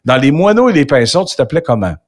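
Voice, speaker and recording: A man's voice: on the high side, sing-song, fast. An older man with a Québécois accent hosting an interview, telling a personal anecdote with lots of quoted dialogue. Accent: Québécois French. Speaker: interview host. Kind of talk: casual storytelling interview.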